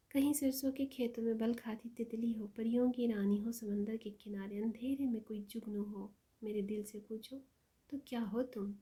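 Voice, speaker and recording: A woman's voice: on the high side, natural voice. Woman voicing a tender young husband. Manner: soft, loving, poetic.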